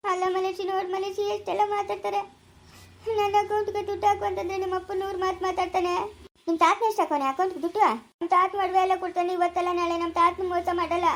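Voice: extremely high pitch, flat delivery, very fast, bright, forceful tone. A performer voicing a whiny, coaxing young wife with a rural Karnataka Kannada accent in a cartoon family drama. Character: wheedling young wife, daughter-in-law.

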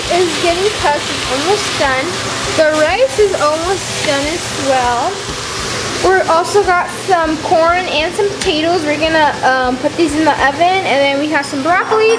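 A woman's voice: sits high, a little slow, heavy background noise. A teenage girl narrating a casual home cooking vlog, chatty and upbeat with lots of "like" and "um", filmed on a handheld camera in a home kitchen. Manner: chatty, upbeat, uses "like" and "um" often. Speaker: vlogger.

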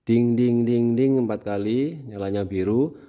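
Warm and medium-pitched, the voice of this Javanese Indonesian-accented man moves a little slowly. He's the host of a casual how-to tutorial, demonstrating indoors in a small room at his home.

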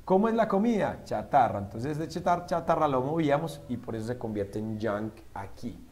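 A man teaching a language class, patiently spelling out examples slowly and quizzing his students. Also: medium pitch, lively intonation, darkish tone. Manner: often checks in with a quick "¿sí?". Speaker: English teacher. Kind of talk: online classroom lesson.

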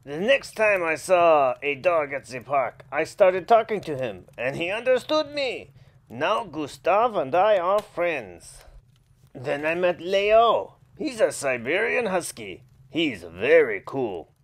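A man voicing a young puppy boy narrating his adventures, slow-paced and swinging his voice around. He chats eagerly and grumbles in quick asides. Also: a little high, big pitch swings, full character voice. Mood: happy. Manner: chatty, exasperated asides. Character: young boy dog, eager and easily sulky.

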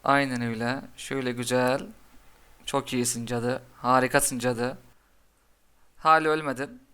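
A young man commentating his own game live, cheering his cards on and scolding the opponent in quick, excitable bursts. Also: mid-range voice, smooth. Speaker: gaming commentator.

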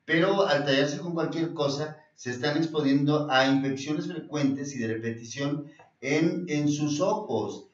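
A man's voice: a little high, measured pace. A Mexican man hosts a health talk show as a naturopathic doctor, rambling and circling back over his own phrases. He sounds set back from the mic in an echoey room. The sound is muffled and dull. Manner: rambling and repetitive, often restarts phrases, fond of saying "eh" and "este". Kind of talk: health advice talk show with product pitches. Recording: distant mic in a roomy space, dull sound.

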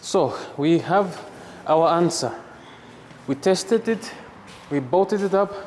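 A man's voice: on the high side, animated, takes it slowly, a little mellow, big-room sound, a little hiss or hum. A man in his thirties, a gym owner, explaining his renovation step by step in a casual vlog. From Rwanda. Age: 30s. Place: gym under construction, indoors.

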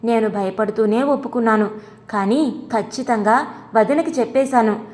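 A woman reading a comic audio story aloud in the first person, expressive and scripted. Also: a little high, normal speed, long reverb tail. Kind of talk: scripted comedy story narration.

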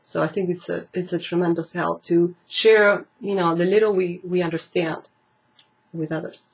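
An Argentine interview guest talks at a normal speed in a fairly low, creaky voice with fairly even intonation. She's thoughtful, hunts for words and laughs easily during the casual interview, set indoors in a bookshelf-lined library room. A camera mic at table distance records soft, slightly dull lo-fi webcam audio.

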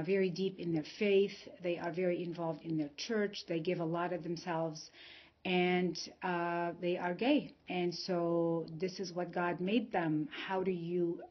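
A woman in her fifties from Lebanon gives a personal faith testimony to camera, speaking earnestly and in measured phrases with many filler pauses. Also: fairly low pitch. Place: indoor room at home. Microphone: phone or webcam close in front. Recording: dull lo-fi home video sound.

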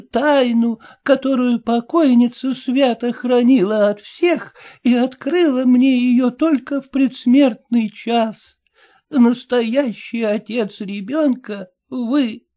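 A man voicing a solemn, stern elderly woman who speaks slowly and grandly. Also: dark tone. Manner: slow, high, stately delivery.

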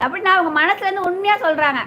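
A woman's voice: very high voice, rapid-fire, pushed and bright, slight background noise. A young woman hosting a casual live stream, greeting viewers by name and asking whether they have eaten.

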